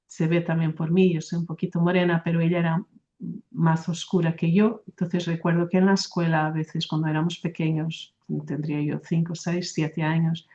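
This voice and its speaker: A woman's voice: low voice, level tone, normal speed, warm tone, dull audio. A religious sister with a Portuguese accent, speaking Spanish as a second language, giving thoughtful interview answers and often tagging her sentences with a questioning "no?".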